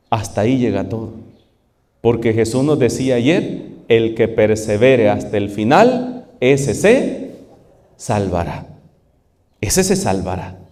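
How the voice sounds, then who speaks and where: A man's voice: mid-range voice, warm tone, in a large hall. A man preaching a sermon as a priest, emphatic and repetitive.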